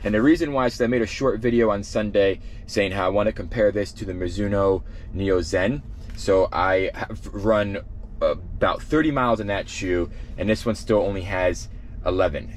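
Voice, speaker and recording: Low-voiced man chatting on vlog. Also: slight background noise. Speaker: running shoe vlogger. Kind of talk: casual vlog chat. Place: outdoors before a run.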